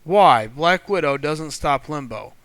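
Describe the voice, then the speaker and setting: A man's voice: a little high, expressive, measured pace, fairly bright tone, dry recording. A man in casual banter as co-host of a gaming show.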